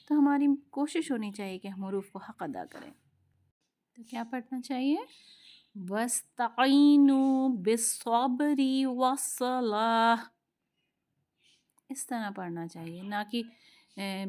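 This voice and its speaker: A woman teaching tajweed, patiently explaining letter sounds and drawing them out in slow practice drills. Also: fairly high pitch, mellow. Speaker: Quran recitation teacher. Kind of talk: tajweed lesson.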